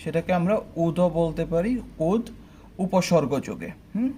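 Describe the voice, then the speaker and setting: Young guy teaching a pronunciation class, slightly high voice, goes slow and keeps asking if you got it. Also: lively intonation, mellow, a little hiss or hum. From Bangladesh. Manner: explains step by step, often asking "ঠিক আছে?". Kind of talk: online admission-test pronunciation lesson.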